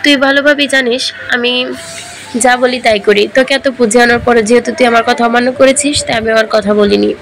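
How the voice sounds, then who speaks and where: A stern, curt young man from a storybook , read by a woman in her own voice. He speaks in clipped, scolding lines. The voice sits fairly high and has a gravelly edge. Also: fairly even intonation, brisk, fairly bright tone, soft background music.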